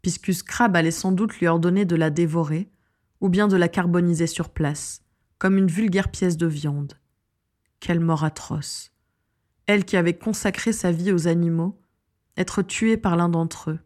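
Low-voiced woman narrating an audiobook. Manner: measured, expressive storytelling.

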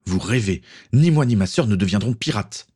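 A man's voice: on the low side, expressive, moderate pace, dark tone, husky. A man voicing a stubborn, indignant young man who protests and pushes back. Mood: defiant.

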